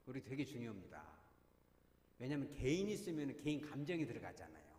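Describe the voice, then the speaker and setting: A man, a pastor, preaching a sermon to his congregation, often asking them questions and acting out the voices of people in the story. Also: on the high side. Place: church sanctuary. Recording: echoey church hall.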